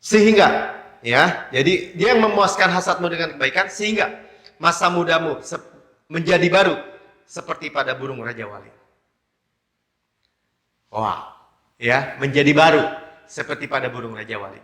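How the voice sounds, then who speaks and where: A man preaching a sermon as pastor, emphatic and halting, punctuating his phrases with a repeated affirming filler. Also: fairly high pitch, bright, forceful tone. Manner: emphatic preaching with frequent hesitations. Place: church. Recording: roomy echo.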